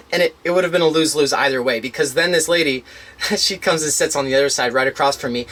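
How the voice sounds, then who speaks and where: A man with a slightly higher voice tells a long personal story in casual conversation. He rambles, restarts his sentences often and leans on fillers, and he gets animated as he retells what happened. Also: quick pace. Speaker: interviewee.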